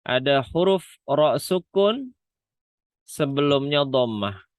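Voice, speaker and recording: In an online Quran reading lesson, a man teaches how to pronounce the letters, patiently demonstrating the sounds over and over. His voice is fairly high and animated, his pace slow, with no room sound.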